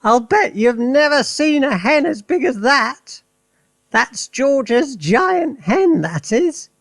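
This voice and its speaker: A man voicing a gleeful, bossy old grandmother who cackles and shouts from a rooftop. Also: big pitch swings, slow, gravelly, no room sound, clean studio sound, full character voice. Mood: gleeful shouting. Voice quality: shrill cackling.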